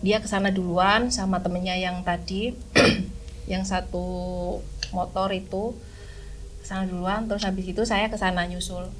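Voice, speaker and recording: A woman, a podcast guest who recalls a camping trip in a casual, halting way, often stopping to search for words. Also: medium pitch, level tone, a little hiss or hum, poor audio. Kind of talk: casual spoken recollection.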